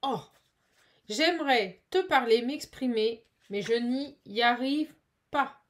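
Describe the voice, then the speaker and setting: A woman's voice: on the high side, slow, a little hiss or hum. Chatty woman reading tarot cards. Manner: chatty, animated, with many fillers. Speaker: tarot card reader. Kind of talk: casual channeled card reading.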